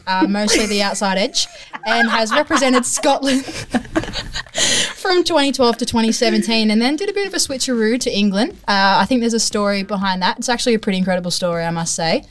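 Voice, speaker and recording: A woman's voice: on the high side, lively intonation, a little fast. A woman hosting a casual podcast, teasing her guests while reading their intros. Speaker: podcast host.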